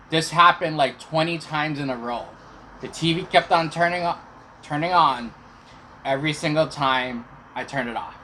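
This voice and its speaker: A man's voice: a little high, sharp tone. A middle-aged man telling personal stories casually to viewers, chewing while he talks. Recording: clear background noise.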